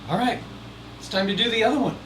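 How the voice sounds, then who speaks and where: A man hosting a DIY video series talks through a casual how-to vlog, folksy and jokey with rambling asides. His voice sits high and his pace is quick, with loud air conditioner hum behind him.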